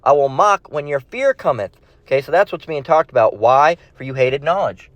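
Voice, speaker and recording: A street-style Bible preacher gives an informal, impromptu sermon with scripture reading, speaking bluntly and confrontationally in slang, often repeating himself and tagging lines with "all right?" and "okay?". His voice is a little high and lively at a moderate pace, with a fairly bright tone. The recording is dull, dry and lo-fi with no echo.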